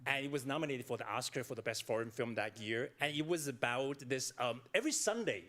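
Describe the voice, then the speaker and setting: This middle-aged man, a native Taiwanese Mandarin speaker with a Taiwanese accent, talks a little fast at medium pitch. Giving a casual author talk on stage in a library event room, he stays animated, laughs readily, and fills his speech with fillers and restarts.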